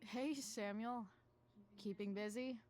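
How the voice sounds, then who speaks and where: A woman's voice: fairly high pitch, fairly even intonation, slow, a little mellow. A woman voicing a sardonic, guarded teenage rebel in a video game, with a dry, casual, hesitant delivery. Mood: wry.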